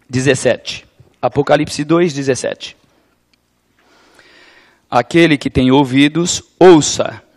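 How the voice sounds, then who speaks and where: Reflective Brazilian man preaching. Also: fairly high pitch. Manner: reflective, conversational, with wry humor. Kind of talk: gospel teaching talk.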